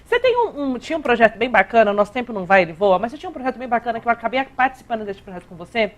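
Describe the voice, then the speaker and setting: A woman hosting an interview, enthusiastic and quick to react. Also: fairly high pitch, sing-song. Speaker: interview host. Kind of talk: casual interview chat.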